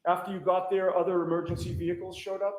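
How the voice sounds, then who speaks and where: A man's voice: high-pitched, level tone, fast, a little mellow. A man questioning a witness as defense attorney, firing pointed leading questions that end in "correct?". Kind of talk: courtroom cross-examination. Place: courtroom. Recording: echoey courtroom.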